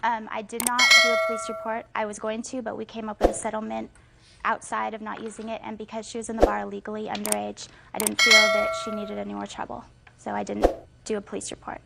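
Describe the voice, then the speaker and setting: A young adult woman testifying as a plaintiff in court, recounting events in a measured, matter-of-fact way. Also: mid-range voice, completely flat delivery, gravelly. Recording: noisy TV courtroom audio.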